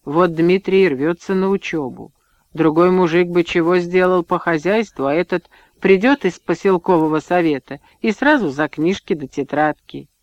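A man narrating an audiobook in a measured, even reading, in a dull, dry recording. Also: sits high, no echo. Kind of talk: scripted narration.

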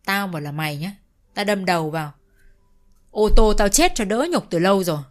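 A woman's voice: mid-range voice, lively intonation, a little fast, close to an everyday voice. Woman doing a scornful, angry older brother. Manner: scornful shouting.

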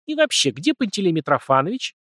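A frightened, naive young woman, voiced by a male narrator in an audiobook, speaking softly and hesitantly a little above his own pitch. Her questions come slow and unsure. The sound is dry and close to the mic. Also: sing-song, no echo. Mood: anxious. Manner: soft, hesitant, lightly raised voice.

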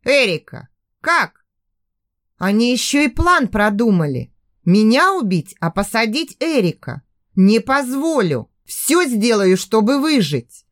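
A woman's voice: on the high side, big pitch swings, measured pace, no room sound. Brief: female first-person audiobook narrator, tense and emotional, dry close sound.

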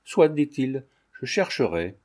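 A man voicing a principled investigating judge who speaks in a formal, measured way, in a storybook reading. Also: mid-range voice, big pitch swings, a little mellow.

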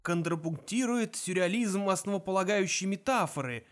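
A man playing a quick-witted traveller from another world in an audiobook. He speaks urgently and wheedles, in a voice a little higher than the narrator's. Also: animated.

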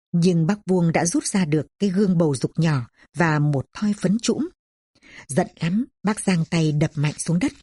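A woman narrating a novel in a measured, steady reading. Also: lowish voice, husky, no echo, studio quality. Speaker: storyteller.

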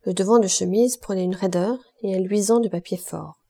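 A woman reading a classic novel aloud in steady, measured narration. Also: mid-range voice, creaky, husky. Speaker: audiobook reader. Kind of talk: scripted literary narration.

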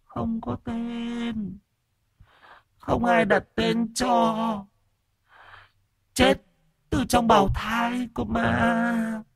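A man voicing the bitter ghost of a miscarried child, speaking in a high, thin, drawn-out whine and cursing the family. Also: little pitch movement, gravelly, breathy edge, no room sound, full character voice. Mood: mournful whining. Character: wailing ghost of an unborn child, bitter, vengeful.

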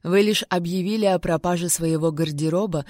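A woman's voice: lowish voice, a little fast, a little mellow, no echo, studio quality, lightly acted. Woman voicing an older count, fatherly. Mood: thoughtful. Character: older male count, kindly uncle.

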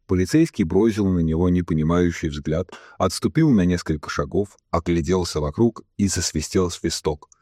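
A man's voice: low voice, warm tone, husky, no room sound, clean studio sound. A man reading a novel aloud as a narrator, giving the characters' lines in his own voice with little change. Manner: reads all characters himself, slowing for solemn quotes. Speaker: audiobook narrator. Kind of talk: scripted narration.

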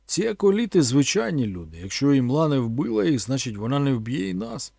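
Man reading a grim barbarian warrior, terse and determined, husky tone, dry sound, storybook. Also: mid-range voice, big pitch swings, a little fast, darkish tone, no room sound, heavily acted.

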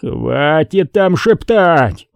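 A man voicing a brutish, short-tempered submarine pilot who barks his words slowly. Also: a little high, very animated, gravelly, dark tone, no room sound, studio quality, voice pushed up, heavily acted. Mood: angry. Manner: barking, slow and heavy.

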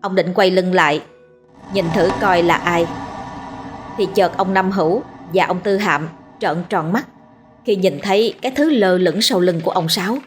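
Low-voiced woman narrating a ghost story. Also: moderate pace, soft background music. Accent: Southern Vietnamese. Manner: steady storytelling.

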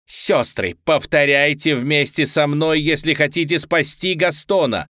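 Властная злая ведьма в исполнении мужчины-чтеца сыплет приказами повышенным, визгливым голосом. Звук близкий и сухой, как в студии звукозаписи аудиокниг. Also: male voice, on the high side, measured pace, sharp tone, no echo, studio quality, voice pushed up. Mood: властно. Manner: визгливый, повелительный крик. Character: шипящая злая ведьма Люсинда, властная и вспыльчивая. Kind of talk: чтение аудиокниги с озвучкой персонажей.

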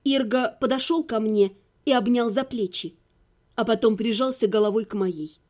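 Высокий женский голос чтеца. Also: female voice, fairly high pitch, normal speed, darkish tone. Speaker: audiobook narrator. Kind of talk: first-person audiobook narration.

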